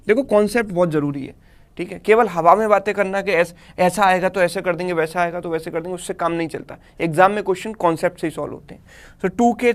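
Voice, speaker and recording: Man, Indian English accent, live online math teacher, step-by-step explainer who keeps checking in. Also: high voice.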